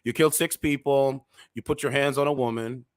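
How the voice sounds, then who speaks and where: A man in his thirties hosting reaction commentary, lecturing in a heated, preachy way with sudden loud outbursts. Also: medium pitch, fairly even intonation, fairly quick, clean tone, dry recording, clean studio sound. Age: 30s. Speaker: commentary channel host.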